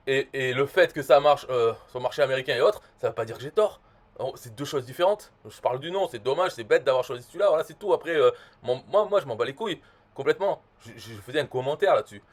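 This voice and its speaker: A man's voice: mid-range voice, animated, fast. A man hosting as a self-styled marketing expert, ranting bluntly and crudely in a rambling monologue full of restarts. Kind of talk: rambling comic rant to camera.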